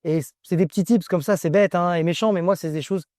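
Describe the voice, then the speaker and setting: A man's voice: high-pitched, steady tone, quick pace, darkish tone, dry recording, studio quality. A man as a guest in a casual interview, giving direct advice in short, broken phrases. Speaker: guest trader.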